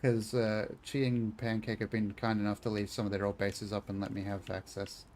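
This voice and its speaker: A man's voice: fairly low pitch, flat delivery, normal speed, a little mellow, slight background noise. A man chatting casually to his viewers while playing a video game, joking and talking to chat. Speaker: streamer. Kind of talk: casual gaming stream chat.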